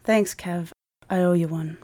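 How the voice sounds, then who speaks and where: A man's voice: high voice, fairly even intonation, a little slow, warm tone, voice pushed up. A male narrator voicing a flustered, earnest young woman who used to be a man, in an audiobook. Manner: flustered, pleading.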